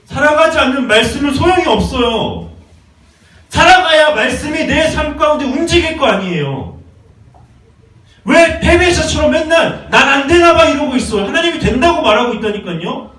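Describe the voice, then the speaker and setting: A male pastor preaches with fervor, his high voice leaping up into shouts and dropping to hushed appeals. He is picked up from a distance in a reverberant church, with faint noise underneath. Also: very animated, normal speed. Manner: impassioned, swings from shouting to hushed pleading. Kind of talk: sermon. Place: church sanctuary. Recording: echoey church from far off.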